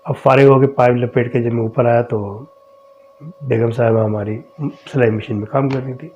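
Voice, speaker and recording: A man's voice: mid-range voice, steady tone, darkish tone, a little hiss or hum. A middle-aged man hosting a podcast, casually telling his own experiences and retelling conversations with frequent "I said". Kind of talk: casual personal storytelling. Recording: dull lo-fi recording.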